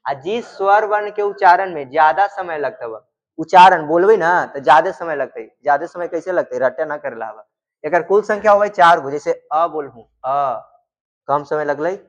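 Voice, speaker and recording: Higher-voiced man. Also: dull audio. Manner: asks questions and answers them himself; stretches out sounds to demonstrate them. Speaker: teacher. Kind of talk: classroom-style lecture.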